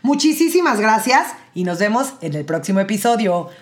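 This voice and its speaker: A woman's voice: medium pitch, sing-song, normal speed, slight background noise. A woman hosting an episode on emotional parenting, speaking straight to the listeners and often checking in with them. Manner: addresses listeners directly, often ends with tag questions. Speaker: host and parenting educator. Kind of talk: educational talk to parents.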